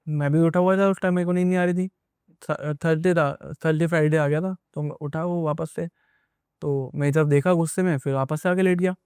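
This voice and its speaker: Young male guest, rapid rambling storyteller, clear dry voice. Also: a little high, a little mellow, dry recording. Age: young adult. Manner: rambling, repetitive retelling with many asides. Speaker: guest recounting an experience. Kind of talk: casual spoken storytelling.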